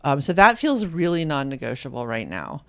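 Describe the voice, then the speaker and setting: A host in their fifties, from Indiana, chatting casually on a live stream and reading viewer comments aloud, with frequent pauses and ums. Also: mid-range voice, wildly swooping pitch. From Indiana, USA. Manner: rambling and hesitant, with many ums, reads viewer comments aloud.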